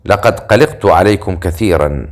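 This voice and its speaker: A man voicing an eager, worried young woman who speaks quickly and scolds lightly. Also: deep voice.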